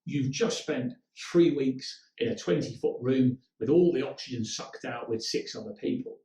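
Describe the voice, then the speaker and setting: A man's voice: medium pitch, normal speed, warm tone, far from the mic. Man giving a leadership talk. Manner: direct, instructive, with acted-out quotes. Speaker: leadership trainer. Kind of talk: presenting a training talk. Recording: echoey room, mic some way off.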